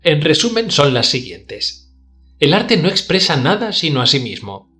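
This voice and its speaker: Expressive male literary narrator. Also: fairly high pitch, soft background music. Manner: measured, declamatory delivery with formal diction. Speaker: audiobook narrator. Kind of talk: literary reading of a philosophical dialogue.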